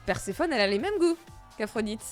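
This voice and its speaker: A woman's voice: a little high, sing-song, quick pace, soft background music. Jokey slangy woman retelling a myth. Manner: slangy, jokey asides, frequent laughs. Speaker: streamer storyteller. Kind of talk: casual myth retelling on a stream.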